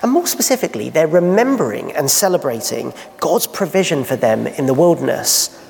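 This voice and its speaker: A man's voice: a little high, very animated, fairly quick, creaky, a little mellow. A man preaching a sermon in church, asking rhetorical questions and painting vivid scenes. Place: church hall. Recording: long hall reverb.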